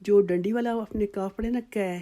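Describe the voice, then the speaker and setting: A woman with a Pakistani Urdu accent giving a tajweed lesson. She explains each sound patiently and stretches the example words out slowly. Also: mid-range voice, steady tone, warm tone. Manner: patient, drawn-out demonstration of sounds. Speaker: Quran recitation teacher.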